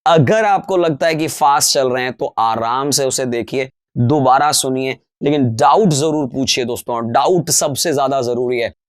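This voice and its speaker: A man teaching English grammar in an online lecture, explaining in Hindi, slowing down to read English examples, and addressing his viewers as friends. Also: on the high side, dry recording, studio quality.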